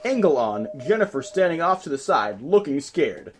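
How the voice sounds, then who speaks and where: A man reading stage directions aloud in a script table read, with a lively, expressive delivery. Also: a little high, moderate pace, slight background noise.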